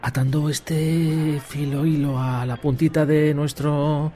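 A man's voice: mid-range voice, darkish tone, lightly acted. A man playing a courteous, matter-of-fact male waiter in an amateur radio sketch. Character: overly polite efficient male waiter.

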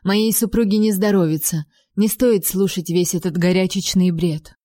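Woman voicing a seething duke for an audiobook, clipped and tight, low mellow tone. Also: steady tone, moderate pace, no room sound, studio quality, close to an everyday voice. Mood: restrained anger. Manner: clipped, hissing through held-back anger. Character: restrained, furious nobleman duke, man.

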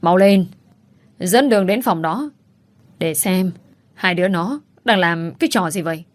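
A woman voicing a wealthy older patriarch who scolds and shouts in fury at his son. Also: lowish voice, a little slow, no echo, natural voice. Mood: enraged.

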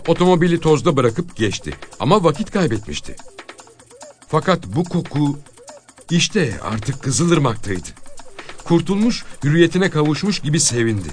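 A man reading a dramatic story aloud as narrator, expressive and with measured pauses. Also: on the high side.

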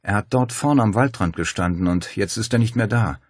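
A man's voice: lowish voice, fairly quick, no room sound, studio quality, lightly acted. A man voicing a determined young woman who speaks urgently and decisively. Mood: tense.

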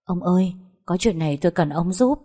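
A woman's voice: on the low side, lively intonation, fairly quick, warm tone, breathy edge. A woman voicing a worried older mother who coaxes and soothes in an anxious, protective way.

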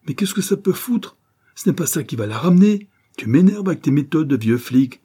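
Brief: man reading exasperated young man, raised and sharp, husky undertone. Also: a little high, moderate pace, pitched above the performer's own voice. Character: irritable grieving young man, snapping.

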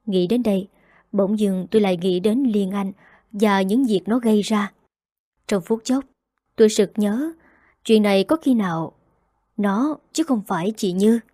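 A woman reading a first-person romance audiobook in a steady, even way. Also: mid-range voice, measured pace, pauses often, no room sound, clean studio sound. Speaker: narrator.

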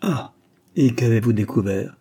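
A man's voice: medium pitch, expressive, measured pace, warm tone, breathy edge. A man voicing a stern, sceptical prefecture secretary who speaks ironically and irritably. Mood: ironic. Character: stern, sceptical older male prefecture official.

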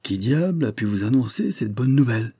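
A man reading aloud voices a light-hearted, mocking Victorian gentleman, teasing in tone. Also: medium pitch, expressive, brisk, slightly rough, voice pushed up. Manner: teasing, jocular.

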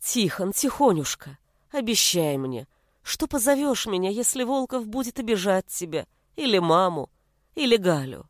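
Woman reading as a fierce young village sister, blunt, rough-spoken, slightly low voice, lively intonation, dry close sound. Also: moderate pace, no echo, lightly acted. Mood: tender.

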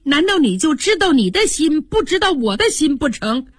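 A woman voicing a quick-tempered, sulky young noblewoman who speaks in a petulant, cutting way, in a radio storytelling. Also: high-pitched, sing-song, dry recording, studio quality, voice pushed up. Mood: tearful reproach.

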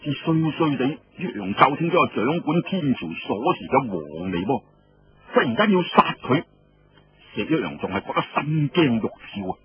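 Very animated at a normal speed, a medium-pitched man with a Cantonese accent tells a story in a dramatic, colloquial way, chatting aside now and then. Faint noise runs under the dull, lo-fi radio-style sound.

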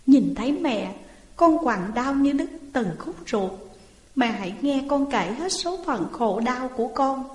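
A woman's voice: medium pitch, slow, hardly any pauses, close to an everyday voice. A woman voicing a young daughter wrongly jailed and pleading in anguish. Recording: roomy hall reverb.

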